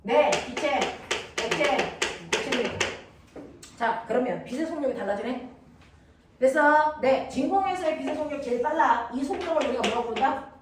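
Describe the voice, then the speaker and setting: High-voiced woman teaching in an echoey room. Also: moderate pace. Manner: blunt and teasing, checks understanding constantly. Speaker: science teacher. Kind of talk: classroom lecture. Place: classroom with students. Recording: echoey room, distant mic, noisy.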